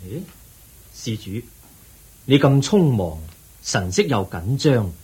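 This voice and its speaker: In a radio drama, a man with a Hong Kong Cantonese accent plays the Buddha as a calm, wise teacher offering gentle, patient counsel. His medium-pitched voice is slow, slightly rough and exaggerated.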